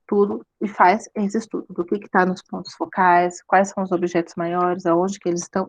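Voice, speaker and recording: With a medium-pitched, darkish voice, a woman runs a live online drawing lesson full of chatter and laughter. She laughs off her mistakes with self-deprecating remarks.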